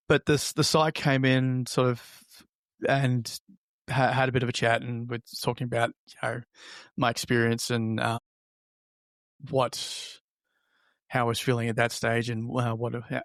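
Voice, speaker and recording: Man, reflective interview guest, halting conversational storytelling, dry recording. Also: mid-range voice, dry recording. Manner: halting, reflective, acts out remembered remarks.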